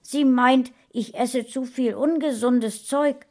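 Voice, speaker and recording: A woman's voice: high-pitched, slow, darkish tone, pitched above the performer's own voice. Sulky, backtalking teen boy in a storybook reading, voiced by a woman reader. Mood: cheeky sulky. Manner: cheeky, grumbling. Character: cheeky fourteen-year-old boy, sulky.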